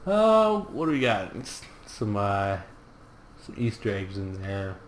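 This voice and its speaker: A man's voice: on the low side, very animated, takes it slowly, slight background noise. A man swearing and joking while recapping a TV episode with friends. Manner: swearing, jokey, acts out characters. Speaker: podcast co-host. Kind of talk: casual TV recap chat.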